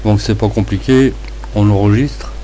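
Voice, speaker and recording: A man with a lisp that makes his s sounds slushy, narrating a step-by-step screencast tutorial in short, halting phrases. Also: lowish voice, fairly even intonation, mellow, a little hiss or hum. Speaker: tutorial presenter.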